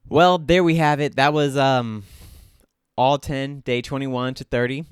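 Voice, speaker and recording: A man's voice: medium pitch, fairly even intonation, a little slow, smooth, no room sound, clean studio sound. A young man casually talking through his own drawings as host, rambling and self-critical, with lots of "like" fillers. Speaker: artist and channel host.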